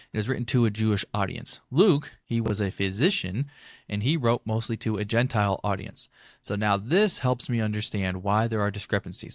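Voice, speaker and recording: A man's voice: lowish voice, dry recording, clean studio sound. A young man hosting a casual Bible-study podcast, talking in a rambling, chatty, self-deprecating way. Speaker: podcast host.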